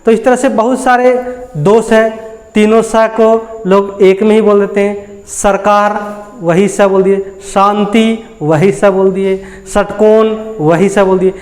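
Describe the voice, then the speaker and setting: A man's voice: sits high, level tone, slow pace, a little mellow. A man teaching a lesson, patiently repeating and spelling out examples. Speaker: Sanskrit teacher. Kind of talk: classroom lesson explanation. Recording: echoey room with long reverb.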